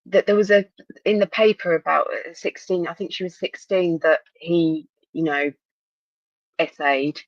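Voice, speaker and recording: A woman's voice: fairly low pitch, fairly even intonation, a little slow, no room sound. Essex lady just chatting on a live call in, bit muffled lo-fi mic, dry. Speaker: guest caller on a live discussion. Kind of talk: casual chat.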